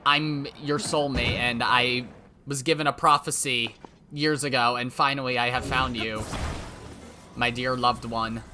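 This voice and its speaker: A man putting on a slow, earnest voice for an imagined stranger declaring undying love. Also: medium pitch, fairly even intonation, pushed and bright, a little hiss or hum.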